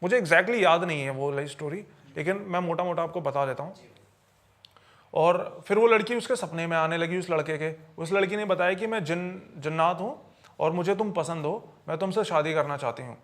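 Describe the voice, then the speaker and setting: Speaking at a normal speed, a man with a distinctly high, somewhat bright voice tells eerie supernatural stories on a podcast. His style is casual and conversational, with repeated and reworded phrases for emphasis.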